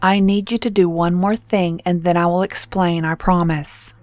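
Woman voicing a grave teen friend for a horror story, lowish voice, steady and commanding. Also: normal speed, no room sound, faint music behind, natural voice. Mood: urgent. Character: serious teenage girl, calm best friend.

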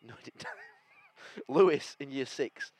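A man from Bradford with a Bradford accent, co-hosting casual, jokey football banter in excitable, blunt northern slang. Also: mid-range voice, unhurried. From Bradford, England. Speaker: co-host of a football fan podcast. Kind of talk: casual banter and live match reaction.

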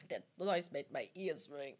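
A young woman in casual chat, loud and playful, often exclaiming and laughing. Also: deep voice, big pitch swings, slow pace, gravelly, slightly rough.

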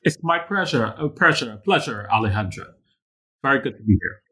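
A man from Barbados, a guest author answering interview questions in a measured, thoughtful way with some fillers. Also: mid-range voice, lively intonation, pushed and bright, breathy edge, rough recording. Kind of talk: academic interview.

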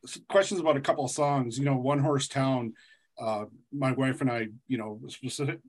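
A man's voice: medium pitch, normal speed. A man from rural North Dakota co-hosting a podcast, asking loose, self-deprecating questions in casual chat. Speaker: podcast co-host.

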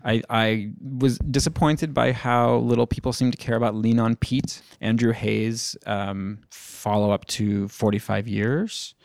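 A man speaking as a film critic on a podcast panel, in casual discussion with halting, restarted phrases. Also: mid-range voice, steady tone, vocal fry, clear, resonant tone, no echo.

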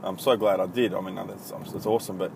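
This thirty-something podcast host from country Victoria, Australia, has a low, creaky voice with a steady tone and a brisk pace. In his casual solo monologue he swears, rambles, and says um often, recorded on an iPhone over loud street and traffic noise.

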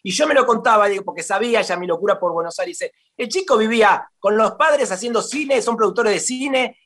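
Man, Rioplatense accent, high-pitched, effusive, repetitive, casual interview chat. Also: a little fast, a bit bright. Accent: Rioplatense Spanish. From Argentina. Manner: effusive, repeats himself, many restarts. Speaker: guest, theater columnist.

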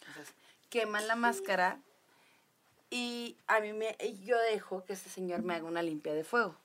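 A woman's voice: mid-range voice, normal speed, noisy background. Chatty Mexican woman telling a story. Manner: chatty, lots of fillers and quoted dialogue. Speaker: guest. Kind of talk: casual storytelling.

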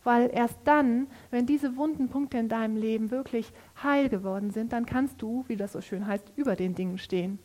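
A woman's voice: on the high side, darkish tone. Casual woman preaching a sermon. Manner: casual conversational preaching, addresses listeners directly.

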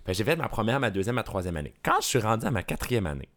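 A man's voice: lowish voice, very fast. A man with a Quebec French accent, a drag performer guest, telling stories in a casual, teasing chat. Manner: animated, storytelling, teasing.

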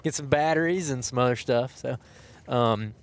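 A man hosts a casual podcast from inside a truck. His voice sits at a medium pitch, and he talks in a conversational, unscripted way. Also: normal speed. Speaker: podcast host. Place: inside a truck being driven.

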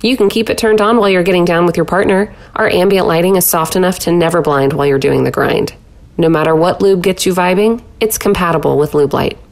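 A woman announcer reading a scripted product commercial with a creaky voice. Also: fairly low pitch. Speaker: advertisement announcer.

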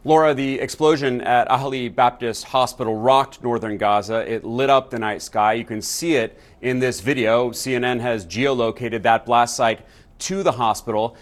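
A man filing a news report as a correspondent, explaining in a measured way. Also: medium pitch, fairly even intonation.

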